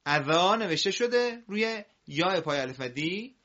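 A man teaching recitation, explaining quickly and then drawing out example words slowly for students to repeat. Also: high voice, expressive, fairly bright tone. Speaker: Quran reading teacher. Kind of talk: recitation lesson. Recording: muffled lo-fi audio.

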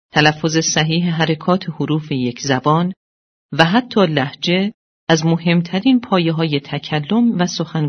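A narrator reading a formal lesson introduction in a measured way. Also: medium pitch. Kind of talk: scripted narration. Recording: dull lo-fi audio.

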